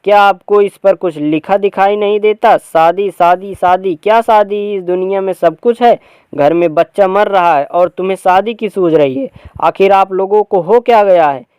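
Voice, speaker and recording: A man's voice: high voice, moderate pace, smooth, no echo, lightly acted. Bitter young widower, defiant, close dry mic, a man reading the part. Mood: exasperated. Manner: outbursts of shouting between tired lines. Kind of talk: reading a play aloud.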